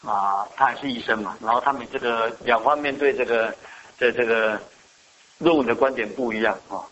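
A man's voice: medium pitch, normal speed, fairly bright tone, dull audio. A man preaching a sermon as pastor, often asking the congregation questions and answering them himself.

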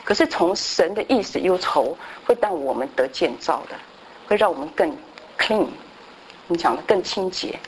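Woman, middle-aged, Bible class teacher, animated storyteller, English words mixed in, lowish voice, faint noise. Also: moderate pace, low-quality recording. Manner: animated storytelling, mixing in English words, frequent tag particles.

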